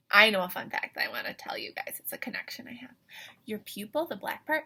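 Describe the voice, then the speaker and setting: Her voice is breathy and mid-range as she reads a picture book to young children. She sounds like an excited teacher, adding animated wonder, questions and asides.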